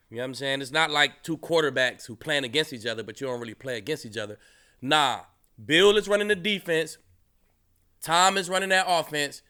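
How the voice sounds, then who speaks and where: A man who played football, hosting a sports podcast in a laid-back style with relaxed slang. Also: medium pitch, clear, resonant tone. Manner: laid-back, relaxed slang, keeps saying "you know what I'm saying". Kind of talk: casual podcast chat.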